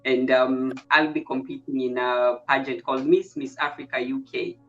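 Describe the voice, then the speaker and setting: A woman's voice: extremely low pitch, little pitch movement, normal speed. Woman from kenya, pageant contestant, lots of uh and um, dull lo-fi sound with faint music behind. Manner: hesitant, many fillers and restarts. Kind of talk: interview answers.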